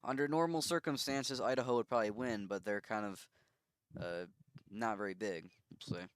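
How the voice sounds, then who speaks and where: Low, smooth-voiced man musing over a game. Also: normal speed, dry recording. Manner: musing, thinking aloud with easy asides. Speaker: YouTuber commenting on a strategy game simulation. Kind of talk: casual game commentary.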